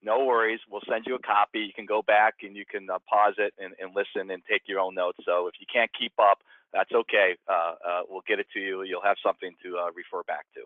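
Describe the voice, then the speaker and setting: A man hosting a webinar, giving reassuring announcements in a halting way with many fillers. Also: low voice, steady tone, no room sound. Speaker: webinar host. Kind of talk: housekeeping announcements. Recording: dry tinny phone-like audio.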